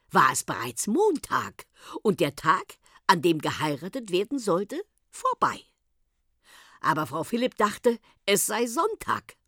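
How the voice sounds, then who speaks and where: A woman reading a children's story aloud as an expressive narrator. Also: on the low side, husky, no echo, clean studio sound.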